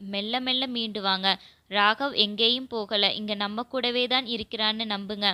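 A woman voicing a calm young man gently consoling grieving elders. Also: medium pitch, normal speed, no room sound, lightly acted.

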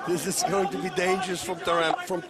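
A man giving excitable expert colour commentary on a fight, exclaiming and repeating words. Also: sits high, fairly quick. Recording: loud music and arena crowd behind.

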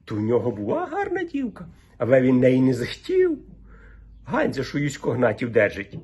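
A man voicing a gossipy old village woman who speaks in a Volhynian dialect, chattering rapidly in a raised pitch. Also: huge pitch swings, darkish tone, breathy edge. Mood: gossiping.

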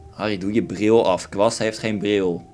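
A man's voice: on the low side, steady tone, a little slow, a little mellow. A young man with a Dutch accent commentating his own game playthrough in a crude, rambling, joking way. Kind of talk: casual let's play commentary. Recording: faint game music behind.

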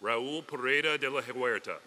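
A man reading out graduates' names one by one at an outdoor commencement ceremony, steady and formal into a podium mic. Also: medium pitch, moderate pace, background noise. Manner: steady, clear formal announcing. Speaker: commencement name reader.

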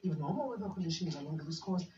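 A South African man delivers a formal weather forecast at a brisk clip. His voice sounds distant and echoey, as if captured from a television across the room. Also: a little high, animated. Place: TV studio, re-recorded from a television set. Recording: roomy, dull, noisy off-screen TV capture.

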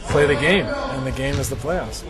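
A man in his thirties, a basketball player, answering reporters in a measured, thoughtful way in a practice gym. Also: mid-range voice, loud music behind the voice. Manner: measured, thoughtful, many fillers. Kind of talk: post-practice media interview. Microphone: cluster of handheld reporter mics.

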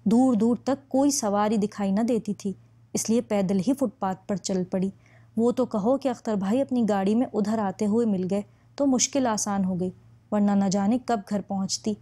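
Woman audiobook narrator, first-person novel, steady measured read, mellow warm voice. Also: mid-range voice.

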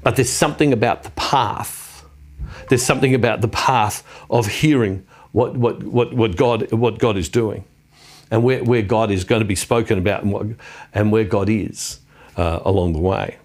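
A man's voice: fairly low pitch, moderate pace, darkish tone. A middle-aged man giving a reflective sermon on scripture, earnest, repeating his phrases and putting questions to his listeners.

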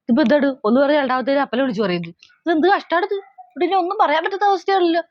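A woman voicing a scheming middle-aged mother-in-law who talks slowly and mockingly. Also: high-pitched, dry recording, natural voice. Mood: scolding. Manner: slow, coaxing, mocking. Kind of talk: comedy skit acting. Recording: slightly dull lo-fi audio.

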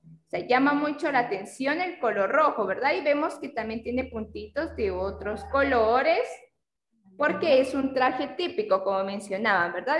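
A woman teaching a kindergarten class, explaining slowly and patiently, calling the children her loves. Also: high-pitched, reverberant. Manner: slow, patient, affectionate teacher talk. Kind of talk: online class with young children.

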